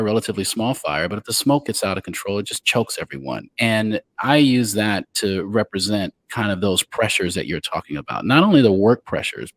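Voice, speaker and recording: Low-voiced halting male podcast host. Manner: halting, many fillers. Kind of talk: podcast talk.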